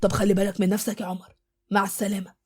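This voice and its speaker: A woman voicing a kindly older doctor who worries like a father, in a storybook tale with an Egyptian accent. He talks quickly with a mellow tone. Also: medium pitch, flat delivery, breathy edge, close to an everyday voice. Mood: concerned. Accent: Egyptian Arabic. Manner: fatherly, reassuring. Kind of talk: storybook voice acting.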